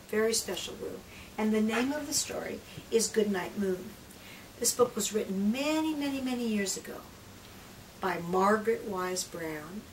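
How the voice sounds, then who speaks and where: A gentle, expressive middle-aged woman with a mid-range voice reads a picture book to young children, prolonging phrases, dropping to a hush at times, and asking questions of the listener. She's a children's read-aloud presenter and trainer. The audio comes from a distant camera microphone in a small room lined with picture books, with clear background room noise.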